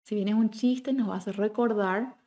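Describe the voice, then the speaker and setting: A middle-aged woman from Paraguay with a Paraguayan Spanish accent, giving an online German pronunciation lesson. She keeps checking in with her viewers and slowly repeats each German example word. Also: mid-range voice, steady tone, mellow. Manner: checks in constantly with "¿ya?" and "¿ok?"; models German words slowly and repeats them. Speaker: German teacher.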